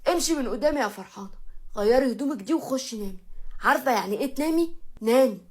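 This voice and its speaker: A woman's voice: a little high, fast, lightly acted. Woman playing an exasperated young Egyptian husband. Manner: fed-up, complaining.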